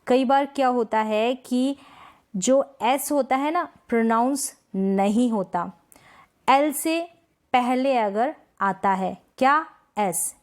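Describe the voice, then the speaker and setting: Slow, careful woman teacher. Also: fairly high pitch, darkish tone. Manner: repeats each word, asks and answers her own questions. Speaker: English pronunciation teacher. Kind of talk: slow explanatory lesson.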